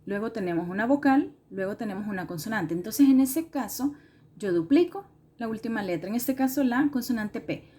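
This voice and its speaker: A woman's voice: medium pitch, darkish tone, breathy edge. Patient woman teaching a grammar lesson. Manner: patient, repetitive, self-correcting explanations. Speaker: English teacher. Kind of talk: recorded classroom lesson explanation.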